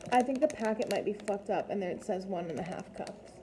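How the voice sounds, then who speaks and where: A woman's voice: mid-range voice, a little fast. Chatty young woman in a noisy kitchen. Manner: chatty, playful, rambling asides. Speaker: cooking vlogger. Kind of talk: casual cooking chat. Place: home kitchen. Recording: noisy kitchen with sizzling pan.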